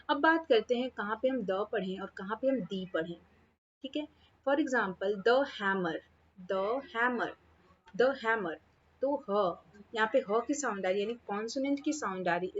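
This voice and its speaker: A woman with an Indian accent teaching an English grammar lesson. She says each example slowly, repeats it, and keeps checking in with her students. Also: on the high side, husky, highs cut off. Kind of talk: classroom-style grammar lesson.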